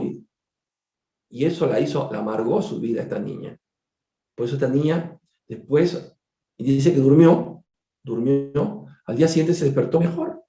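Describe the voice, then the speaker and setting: A doctor telling a case story during a spiritist book study, conversational and digressive, repeating words and turning to his listeners with quick asides. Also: medium pitch, warm tone. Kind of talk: storytelling lecture. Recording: echoey room, dull lo-fi sound.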